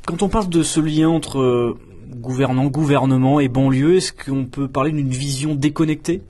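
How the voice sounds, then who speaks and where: Man interviewer with a mid-pitched voice. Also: moderate pace, mellow. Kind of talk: interview questioning.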